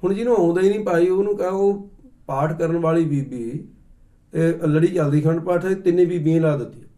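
Preacher, middle-aged man, a touch high in pitch, story-driven sermon delivery. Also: dark tone. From Punjab. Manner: storytelling, acts out quoted voices, slow deliberate explanations. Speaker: Sikh preacher. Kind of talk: katha sermon with anecdotes.

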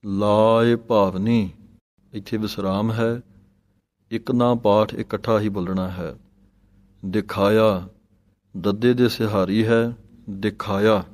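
A man gives a recitation lesson. He chants verses slowly and then adds quick spoken notes on pronunciation and pauses. His voice sits low and stays in a narrow, even pitch range. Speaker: teacher of scripture recitation.

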